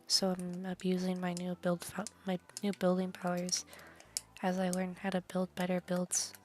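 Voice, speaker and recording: A woman streams a game with casual, meandering commentary, the odd swear, and half-whispered asides she trails off into. Her lowish voice is monotone, a little mellow, at a moderate pace, with faint music behind.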